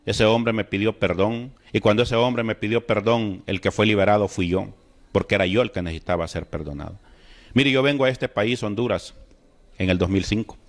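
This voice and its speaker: A middle-aged man giving a personal faith testimony at a fellowship gathering. He speaks earnestly to his listeners and acts out remembered dialogue. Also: fairly low pitch. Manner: earnest storytelling that addresses listeners directly.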